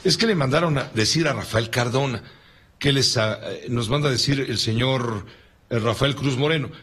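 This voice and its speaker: A male radio anchor with a Mexican accent and a slightly husky, breathy voice. He talks in a loose, joking way and wanders into asides between the news items. His voice sits at an ordinary middle pitch. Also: normal speed, a bit bright. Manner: chatty, joking, digressive. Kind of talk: casual on-air chat, reading listener messages.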